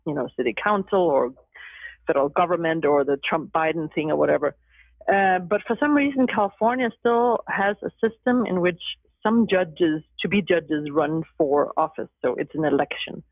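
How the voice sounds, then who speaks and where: A woman's voice: lowish voice, no echo. A woman from Denmark with a Danish accent, a law professor answering interview questions in a chatty, explanatory way with easygoing asides. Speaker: law professor and judicial candidate. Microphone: phone or call line. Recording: tinny phone line.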